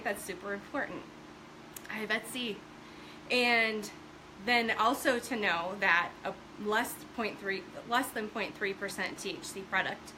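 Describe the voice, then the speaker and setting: A woman's voice: medium pitch, bright, forceful tone, slight background noise, low-quality recording. A middle-aged woman hosting a casual live stream from home, chatty and full of fillers, greeting viewers by name.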